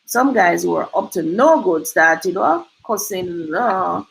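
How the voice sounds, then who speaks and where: A woman's voice: lowish voice, expressive, slow pace, creaky, low-quality recording. A Jamaican woman hosting a livestream, giving emphatic motivational advice and slipping into patois. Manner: emphatic, preachy, switches into patois. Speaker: host.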